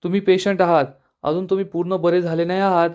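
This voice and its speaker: A man's voice: sits high, level tone, quick pace, a little mellow, natural voice. A man putting on a fussy nurse's voice. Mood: coaxing. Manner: scolding, coaxing. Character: fussy young female nurse.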